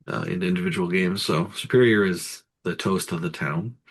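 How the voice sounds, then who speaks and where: A man's voice: deep voice, normal speed, breathy edge. A man runs through sports records and figures. He sounds matter-of-fact, listing details one by one in casual commentary. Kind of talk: casual sports talk with statistics.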